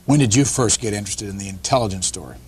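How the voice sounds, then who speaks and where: A man interviewing guests with brisk, direct questions. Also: fairly low pitch. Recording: faint background noise.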